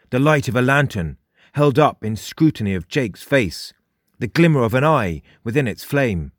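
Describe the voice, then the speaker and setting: A man reading a dramatic story aloud, measured and suspenseful, slowing down for tense moments. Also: on the low side, no room sound, clean studio sound. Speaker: audiobook narrator. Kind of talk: scripted dramatic narration.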